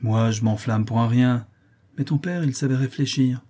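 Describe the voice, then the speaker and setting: A man's voice: medium pitch, normal speed, warm tone, close to an everyday voice. A man reading an audiobook, voicing a proud, curt widowed mother in a raised voice. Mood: proud, stern. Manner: curt and scolding. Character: stern widowed mother, sharp-tongued, proud.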